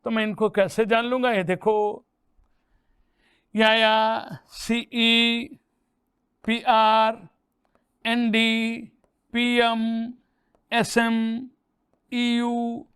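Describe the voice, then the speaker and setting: High-voiced, slow-drilling Hindi chemistry teacher. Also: male voice, a bit bright, clear, resonant tone, no echo, clean studio sound. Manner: drilling students, repeating mnemonic chants slowly; addresses listeners as beta and bhaiya. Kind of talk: classroom lesson with mnemonics.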